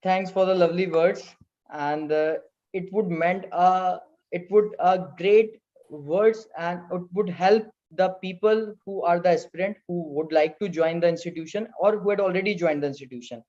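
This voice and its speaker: A man with an Indian accent moderating an online presentation as host, in a halting way. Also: high voice, darkish tone. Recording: dull, lo-fi video call audio.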